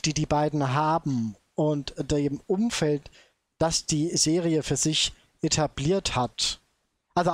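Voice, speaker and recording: A man with a fairly high voice who talks in a careful, hesitant way, weighing each point before committing. The recording is close and dry, with no room echo. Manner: measured and hesitant, weighs his words. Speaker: podcast co-host. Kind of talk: casual discussion.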